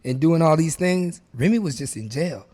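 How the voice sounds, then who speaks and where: A man's voice: on the high side, expressive, normal speed, dark tone. A man co-hosting a podcast in casual chat, speaking in an emphatic, slangy, boastful way. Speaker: podcast co-host.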